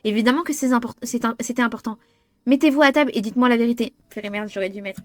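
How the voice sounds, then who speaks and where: Young woman streamer voicing a visual novel; excitable, cursing, slightly high, dry close sound. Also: fast talker, no echo. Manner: excitable, swears, restarts lines. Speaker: gamer. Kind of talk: playing a visual novel aloud.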